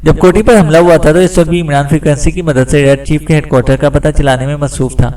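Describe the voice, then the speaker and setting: A man narrating a suspense audiobook with steady storytelling delivery. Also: fairly high pitch, fast, recorded from a distance, rough recording. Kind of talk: scripted narration.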